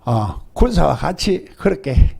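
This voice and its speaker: A man's voice: on the high side, big pitch swings, unhurried, vocal fry, warm tone, breathy edge. An older male pastor with a Gyeongsang Korean accent, preaching a sermon and often asking the congregation rhetorical questions.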